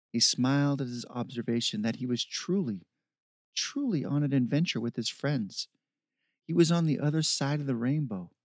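A man narrating a story in a steady, measured reading. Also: mid-range voice, no echo, studio quality. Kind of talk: audiobook narration.

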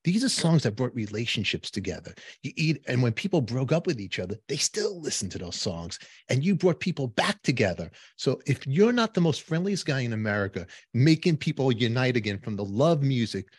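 A man's voice: medium pitch, very animated, fairly quick, few pauses, slightly rough, no echo, studio quality. A man hosting a casual interview, enthusiastic and playful like a fan. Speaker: interview host.

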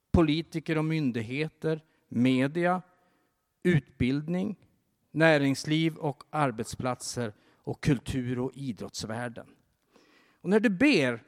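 A man preaching a sermon, telling a story and urging his listeners to pray, rising to emphatic, higher-pitched exhortations. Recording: long reverb of a large hall.

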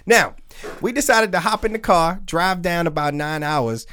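A man's voice: high-pitched, moderate pace, sharp tone, smooth. A man co-hosting a podcast in a loose, laid-back, chatty way, with casual swearing, talking into a podcast mic during a live stream. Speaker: podcast co-host. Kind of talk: casual chat.

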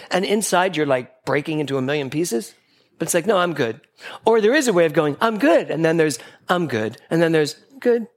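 Lively spiritual speaker addressing a gathering. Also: male voice, a little high. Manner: playful, animated, acting out little exchanges in quoted voices. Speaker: speaker giving a spiritual talk. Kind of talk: spiritual talk to a live audience. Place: gathering hall with a live audience.

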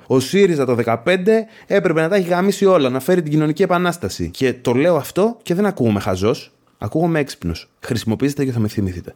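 A man's voice: mid-range voice, darkish tone. A man hosting a comic podcast, reading a story aloud and breaking off for mocking, crude asides to his listeners. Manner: casual and crude, swears freely. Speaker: podcast host.

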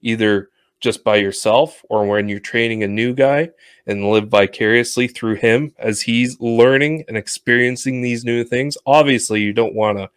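A man's voice: mid-range voice, normal speed, clean tone, no echo, studio quality. A man in his twenties co-hosting a casual podcast, telling earnest, reflective stories. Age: 20s. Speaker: podcast co-host, tow operator. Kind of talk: casual chat.

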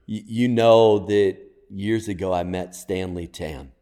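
A man speaking as a podcast guest, telling stories conversationally and deliberately, pausing for emphasis. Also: low voice, fairly even intonation, mellow. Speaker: podcast guest, church pastor. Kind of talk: conversational storytelling and reflection. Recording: long reverberant room sound.

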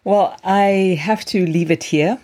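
A woman interviewing a guest, asking questions and affirming with soft backchannels. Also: medium pitch, takes it slowly.

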